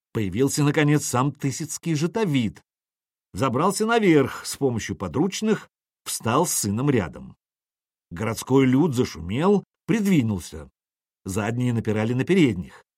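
A man reading an audiobook in an animated, expressive manner. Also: mid-range voice, no room sound, studio quality. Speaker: audiobook reader. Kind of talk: audiobook narration.

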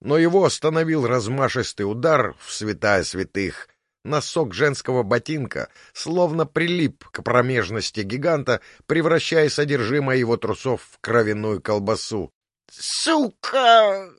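A man narrating an audiobook, expressive and storytelling. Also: medium pitch, moderate pace, no room sound, clean studio sound. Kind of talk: scripted narration.

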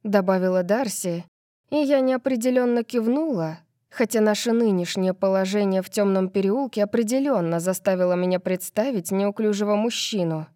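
A woman narrating a first-person fantasy audiobook in a steady, measured way. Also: medium pitch, no room sound, studio quality.

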